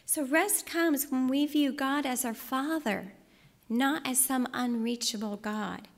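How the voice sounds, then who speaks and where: A woman's voice: high-pitched, slow. A woman giving a heartfelt personal testimony and devotional teaching, telling her story in an earnest way. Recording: long reverb in a large hall.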